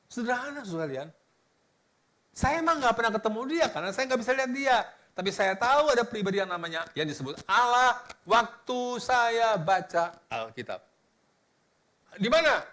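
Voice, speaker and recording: A male pastor preaching in a casual, animated way, swinging between loud exclamations and hushed words, and talking straight to the congregation. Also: high voice. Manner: casual colloquial preaching that addresses the congregation directly. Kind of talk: sermon.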